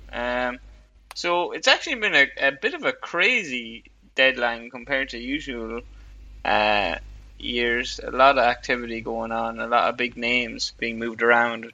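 A man co-hosting a sports podcast, giving a steady rundown in casual chat. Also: mid-range voice, gravelly. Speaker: podcast co-host.

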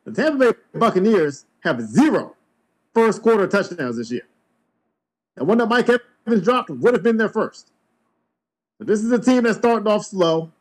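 A man's voice: high-pitched, very animated, normal speed, pauses often. A man hosting a sports podcast, giving blunt, emphatic opinions. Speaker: podcast host.

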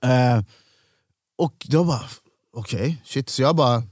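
A man's voice: mid-range voice, no room sound, clean studio sound. A man, a stand-up comedian, telling stories in a casual podcast chat, acting out the people he quotes. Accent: Swedish. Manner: animated storyteller, acts out quoted voices.

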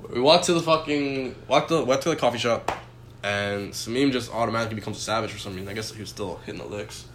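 Fast-talking man telling crude stories. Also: fairly low pitch, roomy sound, a little hiss or hum. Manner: laughing, storytelling, profane. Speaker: podcast co-host. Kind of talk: crude casual chat.

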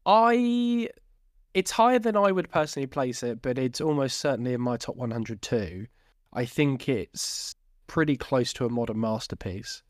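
A man's voice: mid-range voice, lively intonation, normal speed, dry recording, clean studio sound. A man co-hosting a podcast, chatting casually about films and often repeating words as he thinks. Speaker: podcast co-host. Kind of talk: casual film chat.

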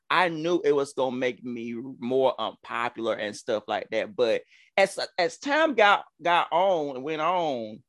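A man's voice: high-pitched, fairly bright tone, dry recording, clean studio sound. A man in his thirties from Georgia with a Southern accent, a podcast host and minister telling a testimony in a fervent, preacherly way with stammering restarts. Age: 30s. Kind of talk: testimony-style storytelling.

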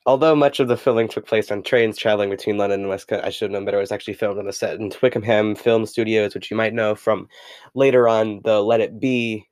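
A man's voice: lowish voice, steady tone, fast, a little mellow, no echo. A young man hosting a casual solo podcast, rambling with many fillers and reading passages aloud from a book. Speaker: podcast host.

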